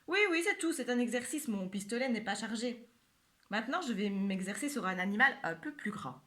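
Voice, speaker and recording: A woman voicing a timid little male hamster who plays at being a bandit, hesitant and raised in pitch. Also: expressive, fairly quick. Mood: gentle. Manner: hesitant, shouts his stick-up line.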